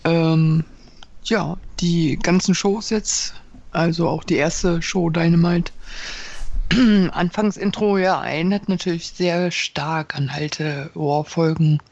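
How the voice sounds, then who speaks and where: A woman's voice: lowish voice, steady tone, slow pace, darkish tone. A woman chatting casually as a podcast co-host, hesitant and full of fillers and restarts. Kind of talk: casual wrestling chat. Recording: dull, dry lo-fi sound.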